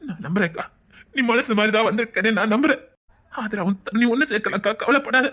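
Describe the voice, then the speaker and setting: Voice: medium pitch, fast talker, bright, forceful tone. A performer playing an earnest village man with a Tirunelveli Tamil accent, reassuring his aunt and muttering asides in a comedy skit. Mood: consoling.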